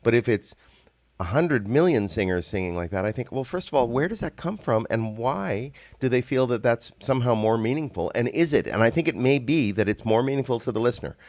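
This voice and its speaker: A man co-hosting a relaxed conversation between songwriters, telling stories with many ums and restarts. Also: mid-range voice, a little fast, no echo. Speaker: songwriter co-host. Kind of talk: casual conversation.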